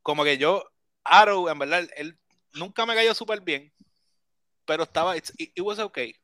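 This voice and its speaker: Young man, bright voice, dry close sound, animated laughing chat. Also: fairly high pitch, moderate pace, no room sound. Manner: animated, laughing, mixes English. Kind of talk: casual chat.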